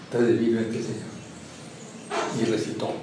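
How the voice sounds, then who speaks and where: A man gives a rambling, friendly classroom lecture, chuckling at his own jokes and checking in with his listeners. He sounds far from the mic in a very echoey room. Steady background noise runs under the recording. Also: on the low side, moderate pace. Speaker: teacher of Sanskrit and language.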